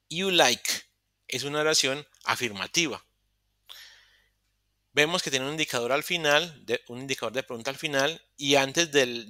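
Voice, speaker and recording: Bright-voiced man teaching an online class. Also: mid-range voice, dry recording, studio quality. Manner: explains step by step, repeats phrases, self-corrects. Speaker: English teacher. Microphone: computer microphone in a virtual session.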